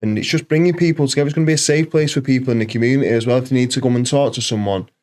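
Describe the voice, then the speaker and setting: Man, community organiser, casual interview chat, informal, matey, medium pitch. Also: rapid-fire, a little mellow. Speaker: podcast guest, community group organiser.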